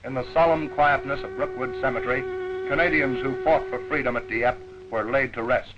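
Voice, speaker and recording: A man's voice: mid-range voice, steady tone, highs cut off, over loud music. A man reading scripted wartime narration in an emphatic announcer's style, heard as an old 1940s newsreel soundtrack. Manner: brisk, emphatic announcer delivery.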